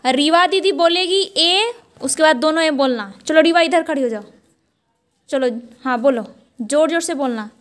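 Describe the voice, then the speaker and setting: A high-voiced woman, teaching children at a small home tuition class. She speaks in short, strict commands and keeps the class in line. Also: moderate pace. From Jharkhand, India.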